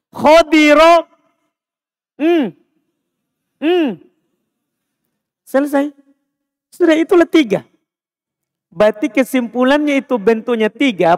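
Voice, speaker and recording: A man's voice: very high voice, a little mellow. A man teaching an Arabic grammar class in a mosque, with an Indonesian accent from Makassar, drilling his students with short repeated prompts to say each form again. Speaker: Islamic teacher. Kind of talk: live Arabic morphology class.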